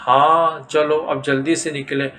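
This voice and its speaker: A man voicing a calm young man who reassures his frightened friends. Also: a little high. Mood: reassuring.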